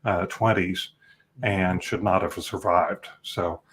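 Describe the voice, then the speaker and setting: A man's voice: low voice, steady tone, slow pace, a bit bright. A middle-aged man from Texas, a life coach guest speaking earnestly and reflectively in a casual interview. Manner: earnest, reflective, with many fillers.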